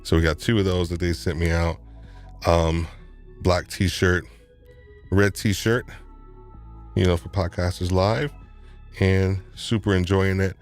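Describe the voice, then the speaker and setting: Deep-voiced New man, rambling host. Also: fairly even intonation, slow pace, long pauses, soft background music. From New York. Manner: rambling, with frequent restarts and repeated words. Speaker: live stream host. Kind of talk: casual live stream chat.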